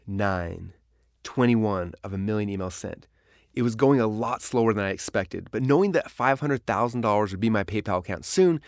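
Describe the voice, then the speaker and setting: In clean studio sound with no room ambience, a man with a fairly low voice narrates an audiobook of his own memoir. He reads like a storyteller and turns dramatic at points.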